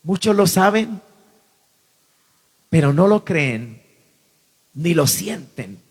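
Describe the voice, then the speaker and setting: A male pastor delivering an impassioned sermon, his fervent preaching swelling at times into shouts. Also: a little high, big pitch swings, slow, husky.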